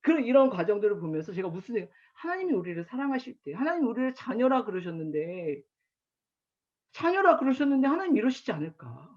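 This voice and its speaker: A man's voice: high voice, very animated, quick pace. A man in his thirties preaching at an online chapel, telling stories about his daughter and acting out her lines. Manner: warm storytelling with acted quotes of his daughter. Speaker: campus ministry pastor. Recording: dull lo-fi online chapel recording.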